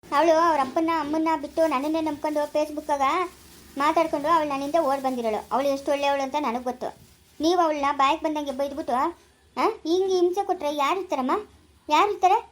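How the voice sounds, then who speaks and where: A performer voicing an indignant young husband with a rural Karnataka Kannada accent, pleading and scolding rapidly in a cartoon family drama. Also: high-pitched, steady tone, fairly bright tone.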